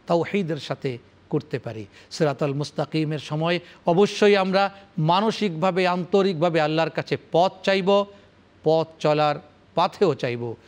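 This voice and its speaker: A man giving a televised religious lecture on the Quran. He recites Arabic verses and explains them in formal, rhythmic, repeated phrases, addressing his audience solemnly. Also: a little high. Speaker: Islamic scholar presenting Quran commentary.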